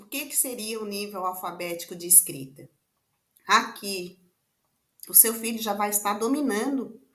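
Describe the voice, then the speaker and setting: Speaking to parents in an echoey room, a woman with a Brazilian Portuguese accent explains how children's writing develops, pointing to examples on screen. She teaches literacy, and her slightly bright, medium-pitched voice stays conversational, with frequent tag questions.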